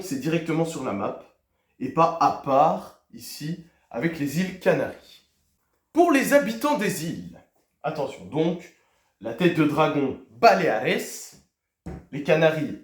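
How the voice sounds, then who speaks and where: Slow, lively-voiced man teaching in an echoey room. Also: a little high. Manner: teacherly, poses quiz questions to viewers; hesitant fillers, repeats key words. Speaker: Spanish teacher. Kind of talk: video lesson.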